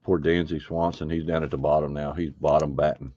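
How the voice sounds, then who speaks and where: Deep-voiced man chatting during a card break. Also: level tone, fairly quick, warm tone, highs cut off. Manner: chatty, thinks aloud while opening card packs. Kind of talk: casual live stream chat.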